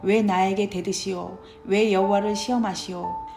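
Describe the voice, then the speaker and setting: A woman's voice: medium pitch, steady tone, normal speed, gravelly, natural voice. A woman reading the lines of Moses, an older male leader, in a Bible story. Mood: earnest. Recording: roomy with background music.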